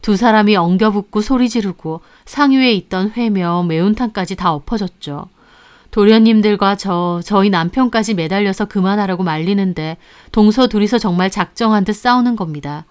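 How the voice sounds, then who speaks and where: A woman tells a family drama in the first person, narrating steadily and calmly. Her voice is smooth and clear at an ordinary pitch, with an even storytelling pace. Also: moderate pace. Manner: calm storytelling. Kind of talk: scripted narration.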